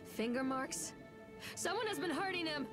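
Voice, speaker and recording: A woman voicing a troubled mother who fears for her son, speaking in a hushed, urgent way. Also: sits high, lively intonation, moderate pace, over music. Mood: brooding. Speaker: game character. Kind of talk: game voice acting.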